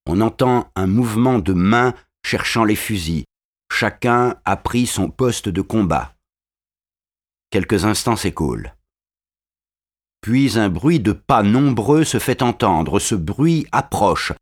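A man narrating a classic novel in a slow, measured storytelling manner. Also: on the low side, lively intonation.

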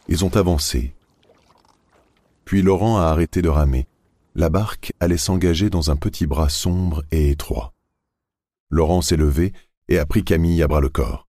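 A man narrates a novel in a steady, measured reading. His voice is extremely low and husky, and the recording is dry and close. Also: no echo.

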